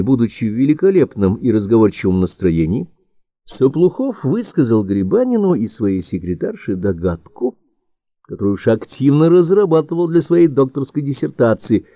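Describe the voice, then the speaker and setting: A man reading an audiobook in a measured, expressive storytelling manner. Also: lowish voice, dry recording. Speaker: audiobook narrator. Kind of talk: audiobook narration. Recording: dry, dull-sounding audiobook recording.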